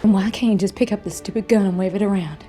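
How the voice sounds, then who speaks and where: A woman's voice: mid-range voice, fast talker, mellow, soft background music, lightly acted. An actress playing a frustrated young fiancée pleading with her soldier in a war film.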